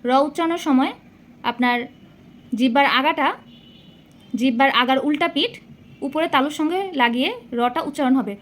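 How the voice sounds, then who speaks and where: Woman with a high voice teaching letter sounds, patient, says each one over and over. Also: normal speed, long pauses, a bit bright. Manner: patient, repeats each letter with careful articulation. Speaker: Quran reading teacher. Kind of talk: slow recitation lesson.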